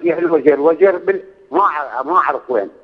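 A man's voice: on the high side, very fast, phone-quality sound. A man in his sixties with an Iraqi accent, calling in to a radio show and pleading about his hardship, swearing oaths and repeating himself. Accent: Iraqi Arabic. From Iraq. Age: 60s. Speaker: caller. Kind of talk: call-in radio complaint. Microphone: phone line.

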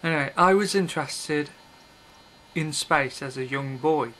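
A man in his thirties rambles to his webcam from a small indoor bedroom hung with red curtains, a video blogger who is blunt and offhand and often stops mid-thought. He talks a little slowly in a slightly high voice that comes across pushed and bright. Captured on the built-in webcam mic, it's a low-quality recording with slight background noise.

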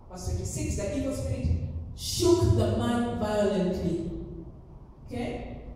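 A woman pastor preaching a sermon emphatically, acting out quoted voices with big jumps in pitch. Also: mellow, a little hiss or hum. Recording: echoey hall from far off.

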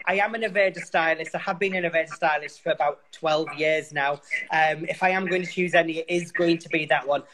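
A man's voice: a little high, fairly even intonation, fairly quick, sharp tone, slight background noise, rough recording. A man, a hairdresser, patiently explaining hair colour on a video call and repeating points for emphasis. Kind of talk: casual video call chat.

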